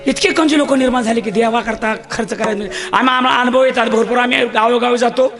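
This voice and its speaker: A man performs a comic folk sermon to a live audience, preaching loudly and scolding the crowd. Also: very high voice, fairly even intonation, fast talker, over music.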